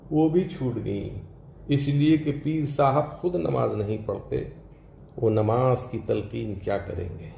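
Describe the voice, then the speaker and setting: A man delivers a sermon at a very slow, deliberate pace, his voice dark and gravelly. He speaks in a measured, emphatic way and lifts his voice on key words. The recording is echoey, with faint room ambience behind him. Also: medium pitch, slight background noise. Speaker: Islamic preacher.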